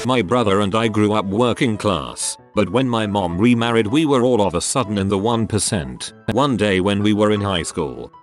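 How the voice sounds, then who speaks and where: A man narrating online stories in a steady read-aloud way. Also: lowish voice. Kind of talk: scripted narration of online posts.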